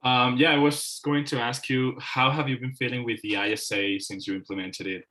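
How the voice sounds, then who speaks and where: A man's voice: mid-range voice, level tone, moderate pace, bright, forceful tone. A man asking questions on a casual video call, friendly and jokey.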